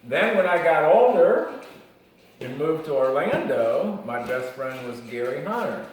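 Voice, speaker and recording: A man's voice: on the high side, big pitch swings, unhurried. An older man with an American accent, an old man casually telling childhood stories and explaining things simply in an interview. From Michigan, United States. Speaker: grandfather being interviewed. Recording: echoey room, distant mic, faint noise.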